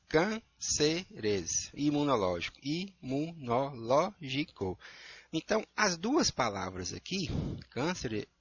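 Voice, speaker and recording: A Brazilian man teaching a class, his husky voice sitting a little high and moving a lot. He walks through each answer step by step. The sound is dull and lo-fi in a dry space. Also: a bit bright, no room sound. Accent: Brazilian Portuguese. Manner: explanatory, checks in with frequent "tá?" and "né?". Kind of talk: going over worksheet answers.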